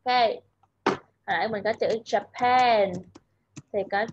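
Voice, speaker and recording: A woman tutor in an online English lesson, patiently saying words slowly so her student can repeat them. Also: mid-range voice, noisy background.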